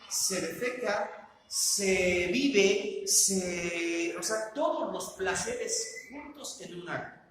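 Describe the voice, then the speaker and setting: A man with a Mexican accent lectures to a live audience in a high voice, peppering his points with rhetorical questions and acting out what parents say. He sounds as if he is in a large, reverberant hall. Steady background noise sits under his voice. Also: extremely slow. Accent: Mexican Spanish. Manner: rhetorical, seeks agreement with tag questions; acts out quoted parents.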